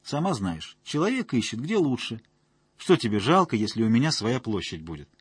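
A man's voice: mid-range voice, very animated, moderate pace, husky, dry recording. A man voicing a drunk, whining woman janitor who fawns and pleads. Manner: wheedling, whiny, ingratiating.

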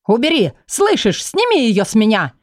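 A spiteful old shapeshifter spits slow, hissing threats that climb into shrill shrieks, as a woman reads him. He sounds venomous and cornered in a fantasy audiobook. The recording is dry and close, with no room around the voice. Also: animated, no room sound, natural voice. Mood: shrieking. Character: old male shapeshifter villain, hateful, shrieking.

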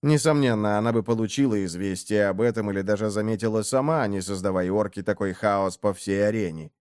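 A man reading an audiobook in a steady, even storytelling manner. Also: on the low side, a little fast, clear, resonant tone, no echo, clean studio sound. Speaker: audiobook narrator. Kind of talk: scripted narration.

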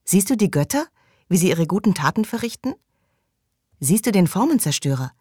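Needy, impatient young woman, read by a woman, pleading, low voice, dry studio sound. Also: very animated, moderate pace, warm tone, breathy edge, no room sound. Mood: coaxing. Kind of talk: audiobook reading.

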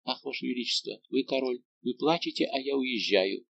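A man's voice: mid-range voice, moderate pace, gravelly, fairly bright tone, no echo, dull audio, pitched above the performer's own voice. A man reading an audiobook, voicing a young noblewoman who pleads with her royal lover in a passionate, pleading way. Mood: desperate.

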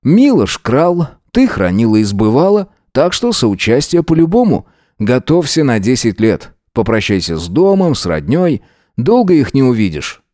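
A stern Soviet police officer speaks in short, dry sentences, as a male reader plays him. His voice is a little lifted above the reader's own tone and stays lively. It is a dry, close audiobook recording. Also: mid-range voice, moderate pace, no echo, lightly acted. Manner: curt and dry. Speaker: police lieutenant.

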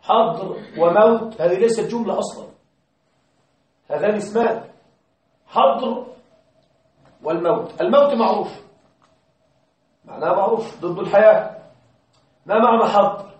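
With a high voice at normal speed and frequent pauses, a man lectures a class on grammar. He explains through worked examples and checks in with rhetorical questions. The recording comes from a very echoey room, and his voice is far from the mic.

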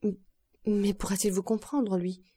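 A woman voicing a passionate, grief-stricken young man who speaks louder and faster. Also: mid-range voice, level tone, slightly rough. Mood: pleading. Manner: impassioned, louder and quicker.

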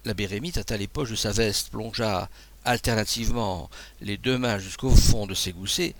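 Gravelly man narrating a story. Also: on the low side, normal speed. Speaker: narrator reading a story aloud. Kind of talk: read-aloud story narration.

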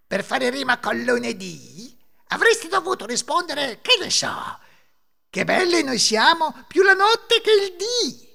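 An Italian man voicing a spiteful old female witch in a folk tale audio story, in a shrill, cackling voice. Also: very animated, measured pace, vocal fry, pushed and bright, in a large hall, heavily acted. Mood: furious.

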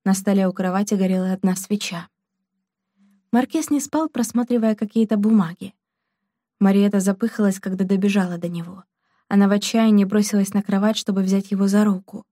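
Female audiobook narrator, calm even reading, mellow dry sound. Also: mid-range voice, fairly quick, no echo. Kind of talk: scripted narration.

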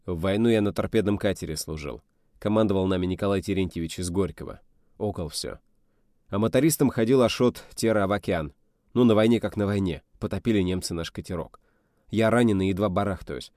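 A man voicing a stern, gruff navy captain in his sixties who talks in a commanding, bitter way. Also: low-pitched, brisk, a little mellow, no room sound, studio quality, natural voice. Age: 60s.

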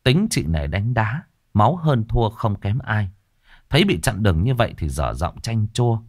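Low, dramatic male horror storyteller. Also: big pitch swings, normal speed, a little mellow, no room sound, clean studio sound.

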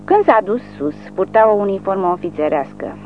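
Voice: mid-range voice, animated, slight background noise. An audiobook narrator reading a war novel in a dramatic, widely varying delivery. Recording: narrow phone-like sound, faint music.

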